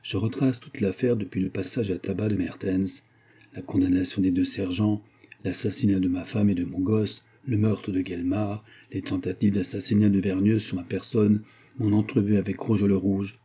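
A man narrating a crime novel in the first person. His voice is low, very dark and husky. His delivery is wry and matter-of-fact. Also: level tone, moderate pace. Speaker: audiobook narrator.

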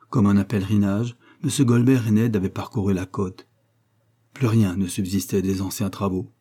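A man reads a classic novel aloud in a measured, even cadence. His voice is low and dark, with a husky grain. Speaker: audiobook narrator. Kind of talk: literary audiobook narration.

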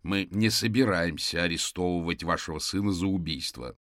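A weary, stern detective questions a suspect, as a man plays him. His voice is very deep and clipped. The sound is dry and close. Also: normal speed, fairly bright tone, no room sound. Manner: curt, impatient commands. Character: tired, stern male detective.

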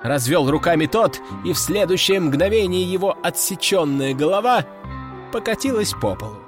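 A man narrating a fantasy audiobook with an expressive, animated reading. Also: fairly high pitch.

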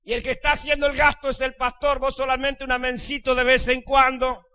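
A man with a Rioplatense Spanish accent, a pastor preaching a sermon in a church. He swings from hushed lines to shouting and keeps calling on the congregation to answer. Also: very high voice, completely flat delivery, fairly quick, clean tone, dry recording. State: sweating and losing his voice.

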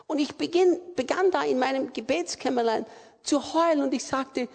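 A man's voice: extremely high pitch, moderate pace, gravelly. A middle-aged man with an Austrian accent preaching a sermon, emphatic and repetitive. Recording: reverberant hall.

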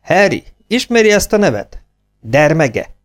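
A man voicing a hearty old English ship captain who calls out loudly and stammers over hard names. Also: mid-range voice, animated, soft background music, natural voice.

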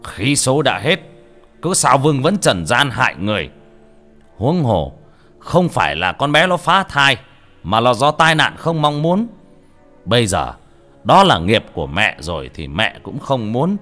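A man's voice: medium pitch, very animated, measured pace, sharp tone, faint music behind, pitched above the performer's own voice. A man voicing a stern male exorcist master who commands spirits with authority. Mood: commanding.

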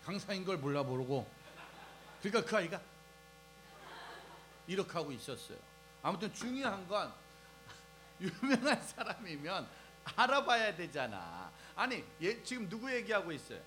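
A man preaching a lively sermon to young people, asking the crowd questions and acting out scenes as he goes. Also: high-pitched, normal speed, pauses often, rough recording. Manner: animated, asks the crowd questions and acts out scenes. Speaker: preacher at a youth service. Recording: faint music and mains hum behind.

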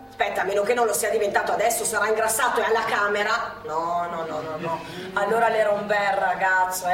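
On a theatre stage, an actress in a radio play performs a monologue as an elderly former partisan who helped in a hospital during the war, a lively storyteller recalling her memories. Her natural, mid-range voice is wry, animated and chatty as she acts out past scenes. The recording is echoey and distant with a faint hum.

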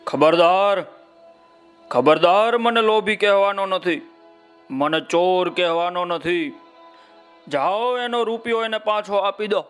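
A man puts on a greedy king with a quick temper, barking orders at his guards. The voice drops lower and louder than the storyteller's own, over soft music. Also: clear, resonant tone. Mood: furious. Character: greedy, angry male king, bossy and loud.

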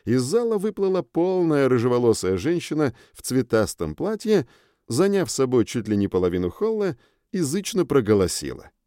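Casting: a male audiobook narrator, mellow and animated, wry first-person delivery. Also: mid-range voice, normal speed, no room sound, clean studio sound.

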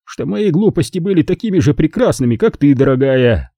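A man voicing a bald, heavy, haughty count with a rough voice and a slight German accent, speaking lazily and condescendingly. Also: on the high side, lively intonation, brisk, mellow, no echo, clean studio sound, voice pushed up. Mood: mocking. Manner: lazy, condescending, teasing.

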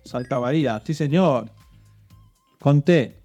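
A man's voice: medium pitch, slow pace, dark tone, highs cut off, faint music behind. A man hosting a children's religious quiz show, reading out clues and coaxing the contestants with hints. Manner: reads clues then coaxes and hints. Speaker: quiz host.

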